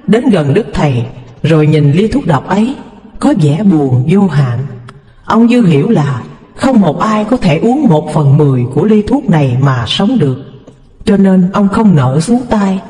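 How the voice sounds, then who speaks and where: A man reads a devotional story aloud in a high, very lively voice, dramatic and expressive. His tone is mellow and dark, and the voice rings with a long reverb. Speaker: narrator. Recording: echoey, reverberant room.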